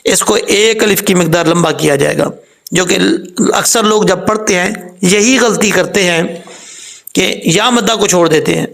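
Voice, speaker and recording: Male tajweed teacher, high voice, gravelly edge, patient and methodical. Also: fairly bright tone. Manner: patient, repeats common mistakes and corrections; slowly spells out letters and vowel marks. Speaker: Quran recitation teacher. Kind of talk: step-by-step tajweed lesson.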